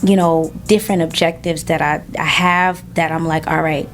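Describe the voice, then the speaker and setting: A woman's voice: sits low, fairly even intonation, normal speed, slight background noise. A young adult woman speaking as an interview guest in casual, slangy, emphatic and motivational talk. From Haitian background. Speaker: interview guest, singer and solo artist.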